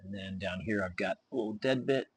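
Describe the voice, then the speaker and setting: A man narrating his bonsai vlog, talking slowly and deliberately with many fillers as he works on his trees. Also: on the low side, breathy edge, dry recording. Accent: regional accent. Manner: deliberate, slow, filler-heavy explaining while pruning. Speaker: bonsai hobbyist vlogger. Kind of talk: casual hobby vlog narration.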